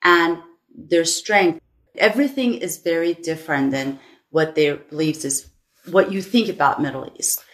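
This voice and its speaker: An Iranian woman whose first language is Farsi speaks with a Persian accent in a low, unhurried voice. She's a salon owner appearing as a guest in an interview chat, earnest and impassioned, restarting often.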